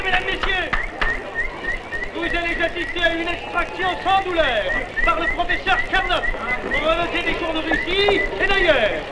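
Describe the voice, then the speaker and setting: A man's voice: very high-pitched, very noisy. A man playing a boastful fairground tooth-puller, calling out grandiose patter as a French market cry in an old 1940s film. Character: loud boastful male fairground tooth-puller drumming up a crowd. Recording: 1940s film soundtrack, loud music.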